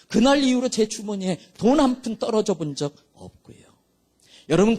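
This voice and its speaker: A middle-aged male pastor preaching a sermon. His voice sits high for a man, and he tells his story with strong feeling. He drops soft, then rises loud. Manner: emotional storytelling, swinging between soft and loud.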